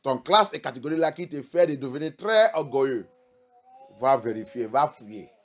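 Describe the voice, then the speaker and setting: Male pastor, emphatic sermon, big jumps between loud peaks and quiet lows, repetitive phrasing. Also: animated, normal speed. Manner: emphatic preaching with sharp rises and hushed drops; repeats words and restarts phrases.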